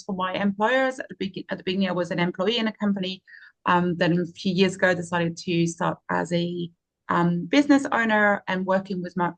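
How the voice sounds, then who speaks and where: A woman in her forties from France, speaking as an interview guest, explaining her work steadily with frequent pauses. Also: mid-range voice. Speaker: guest, fundraising and marketing consultant. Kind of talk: interview answer, casual.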